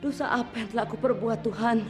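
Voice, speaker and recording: Actress doing a high-pitched upset mom, scolding then praying in despair, tv drama. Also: female voice, fast talker, over music, lightly acted. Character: distraught middle-aged mother of a wayward son. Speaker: mother. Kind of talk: TV drama acting.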